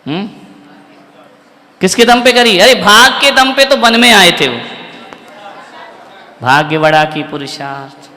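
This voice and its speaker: High, bright-voiced preaching monk in a reverberant hall. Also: male voice, slow pace, pauses often. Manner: fires rhetorical questions at listeners, animated storytelling. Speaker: Jain monk giving a discourse. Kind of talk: sermon retelling an epic to a live audience.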